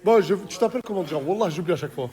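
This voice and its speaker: A man's voice: high voice, lively intonation, very fast, a little mellow. A man chats in street slang, an insistent mediator who keeps repeating short phrases. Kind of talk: casual chat in French suburban street slang.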